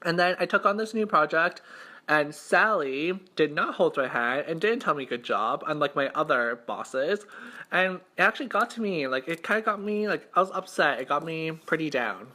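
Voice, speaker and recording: A young man with a slightly high-pitched voice talks as a mukbang vlogger. He tells his story casually and conversationally, doubling back to rephrase and peppering it with "like". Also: expressive, normal speed, sharp tone. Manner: conversational, repeats and rephrases himself, heavy use of "like". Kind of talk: casual storytime chat while eating.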